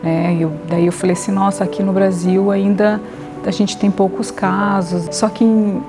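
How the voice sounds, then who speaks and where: A woman's voice: mid-range voice, level tone, moderate pace, over music. A woman in her forties with a Brazilian accent, a public health official speaking hesitantly, with many fillers, in a documentary interview. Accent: Brazilian Portuguese. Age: 40s.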